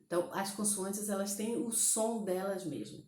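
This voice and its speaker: Brazilian woman teacher, patient step-by-step explainer, mid pitch, roomy echo. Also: moderate pace, darkish tone. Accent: Brazilian Portuguese. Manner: patient step-by-step explaining with frequent "né?" and "ok?" check-ins. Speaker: English teacher. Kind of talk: online language lesson. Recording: echoey room.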